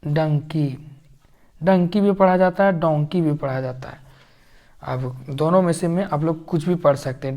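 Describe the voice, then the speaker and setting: A man teaching English phonics, sounding out words slowly and repeating them. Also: a little high, darkish tone. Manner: slow, repetitive, drawn-out word sounding. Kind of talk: phonics lesson.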